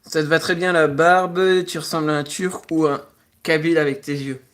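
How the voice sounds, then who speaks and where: A man's voice: a little high, flat delivery, moderate pace, a bit bright. A man hosting a casual livestream, joking and teasing, rambling with stammering restarts. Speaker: livestream host.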